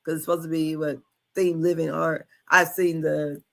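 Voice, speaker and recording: A woman co-hosting a casual recap chat, musing in a halting way and trailing off between thoughts. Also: low-pitched, flat delivery, vocal fry, a bit bright. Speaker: co-host of a reality TV recap show.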